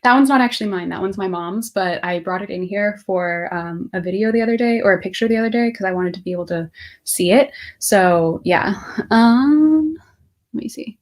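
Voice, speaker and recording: In a home room with bookshelves behind her, a twenties-aged woman chats on a livestream at normal speed and medium pitch. She rambles, seems half-distracted, thinks aloud, and answers what viewers ask.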